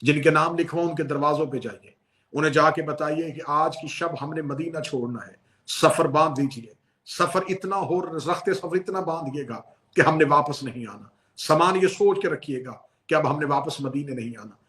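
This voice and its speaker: A man's voice: fairly high pitch, moderate pace, lightly acted. A man voicing a weeping noble brother. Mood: sorrowful. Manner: weeping, soft-spoken recitation.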